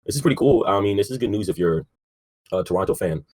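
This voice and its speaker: A man's voice: sits low, expressive, quick pace, dark tone. A young man co-hosting a casual sports podcast, laid-back, filling his talk with "like" and "um" and swearing casually. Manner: laid-back, says 'like' and 'um' a lot, swears casually. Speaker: podcast co-host.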